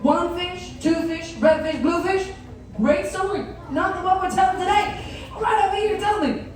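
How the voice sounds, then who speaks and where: A very high-pitched female voice rings through a heavily echoing theatre. She hosts a children's story time on stage, animatedly addressing the young audience with prompts and questions. The recording sounds distant, with faint noise. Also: normal speed. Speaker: cruise director hosting a story time. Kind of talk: interactive children's stage hosting. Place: indoor theatre on a cruise ship.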